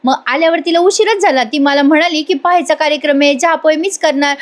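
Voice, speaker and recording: A woman's voice: high-pitched, quick pace, voice pushed up, lightly acted. A woman voicing a fussy middle-aged aunt who fusses over marriage guests and is eager to please. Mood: fussing.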